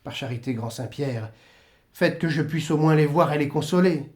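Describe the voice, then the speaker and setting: A man's voice: on the high side, moderate pace, darkish tone, lightly acted. A man reading aloud and voicing an anxious, humble village priest who pleads and stammers. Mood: pleading.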